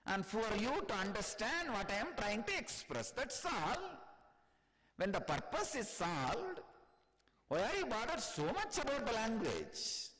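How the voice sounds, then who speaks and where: A man's voice: sits high, wildly swooping pitch, a little slow, a bit bright, in a large hall. A man from India with an Indian accent, giving a spiritual discourse, laughing often and repeating simple phrases for emphasis. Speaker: spiritual teacher.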